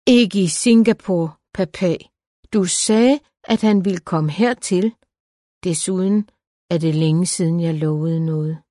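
A woman's voice: lowish voice, mellow, no room sound, studio quality, natural voice. A woman narrator voicing a tearful, childlike young noble daughter who pleads in a trembling voice. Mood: tearful pleading.

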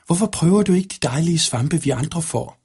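A gentle young girl speaks softly in a high voice, as a male reader puts her on. She sounds kind and caring. The tone is a little husky. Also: expressive, full character voice.

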